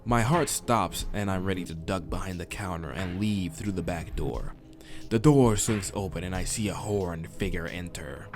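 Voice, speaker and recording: A low-pitched man narrates a visual novel at normal speed as a let's player, informal and with casual asides, sometimes stumbling over the text and starting again, while the game soundtrack plays in the background.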